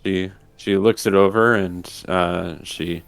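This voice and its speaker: A man narrating a tabletop game as game master, pausing haltingly while he improvises. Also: low-pitched, steady tone, vocal fry, clear, resonant tone, no echo, faint music behind.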